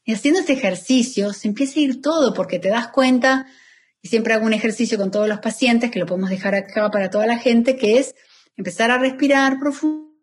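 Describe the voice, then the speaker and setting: A woman therapist, calmly explaining fear and anxiety and leading a slow, soothing breathing exercise. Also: a little high. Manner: calm, soothing, slowing down for guided phrases. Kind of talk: guiding a breathing exercise in an interview.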